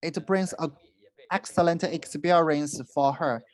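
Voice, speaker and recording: A university presenter giving a halting talk with frequent fillers and restarts, and interpreting for a guest. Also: medium pitch, no echo, low-quality recording.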